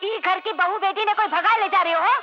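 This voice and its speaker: A woman's voice: extremely high pitch, moderate pace. An actress playing a harsh, scolding mother-in-law who talks sharply and with contempt. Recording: dull film soundtrack with loud music.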